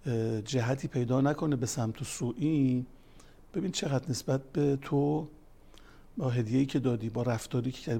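Weaving scripture quotes through stories from his family counseling work, a religious speaker grows more forceful over the course of his talk. He speaks in a mid-range voice with vocal fry and a dark tone.

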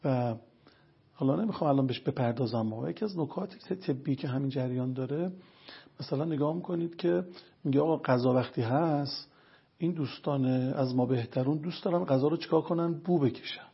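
Man, guest lecturer, gravelly fry, very raspy voice, earnest storytelling, lo-fi dull recording. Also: medium pitch. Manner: earnest, lays out points one by one. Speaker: religious health lecturer guest. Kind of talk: explanatory storytelling talk.

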